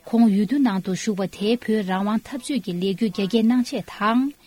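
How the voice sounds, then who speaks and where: A woman narrating a news report in a steady, scripted voice-over. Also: medium pitch, moderate pace.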